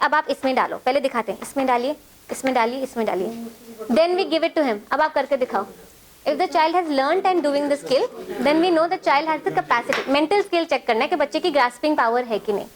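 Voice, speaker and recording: A woman with an Indian accent, teaching a child development assessment, switching between English and Hindi as she explains step by step. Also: high-pitched. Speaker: trainer.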